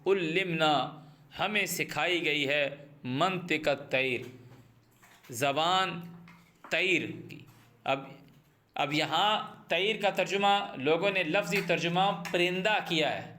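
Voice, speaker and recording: A man's voice: on the high side, bright, forceful tone. A man teaching the Quran, reciting each Arabic verse and then explaining it, often repeating his phrases and speeding up as he gives examples. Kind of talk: verse-by-verse Quran translation and commentary.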